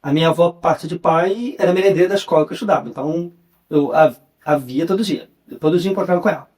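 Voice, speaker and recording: A young adult man with a Rio de Janeiro accent and a slightly high voice. He talks as a podcast guest in a relaxed, storytelling way, often tacking on a questioning little tag to his phrases. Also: fast talker. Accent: Carioca (Rio de Janeiro) Portuguese. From Rio de Janeiro, Brazil. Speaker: guest, journalist and writer. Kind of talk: casual interview chat.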